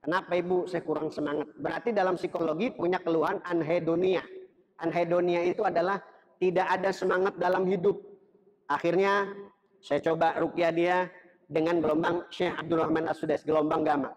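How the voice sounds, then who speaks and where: An Islamic preacher gives a religious lecture in a mosque, speaking conversationally and directly to the audience in a slightly high, flat, fairly quick voice. He breaks into chanted Quran recitation to demonstrate melodies, and the hall adds a long reverb.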